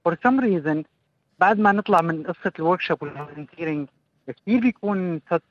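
A man's voice: sits high, fast talker, no room sound, dull audio. A man with a Palestinian-Jordanian Levantine Arabic accent chats casually as an interview guest, mixing English words into his speech. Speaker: interview guest, craft project co-founder. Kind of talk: casual radio interview talk.

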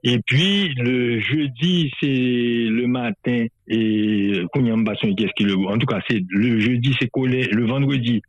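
A man from Haiti with a Haitian accent, a filmmaker speaking as a guest in a radio interview, loose and halting with frequent restarts. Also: mid-range voice, no echo. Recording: dry, slightly muffled radio sound.

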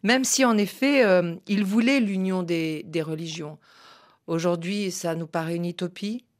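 Measured woman radio host, low voice. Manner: measured, articulate questioning. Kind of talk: radio interview.

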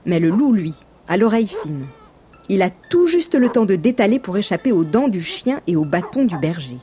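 A woman reading a children's storybook aloud in a gentle, calm way. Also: medium pitch, normal speed. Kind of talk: scripted storybook narration.

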